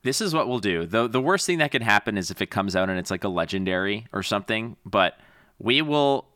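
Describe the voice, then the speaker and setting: Male podcast co-host, low voice, bright tone, upbeat chatty rambling, dry close mic. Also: expressive, brisk, dry recording. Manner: chatty, upbeat, full of fillers. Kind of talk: casual chat.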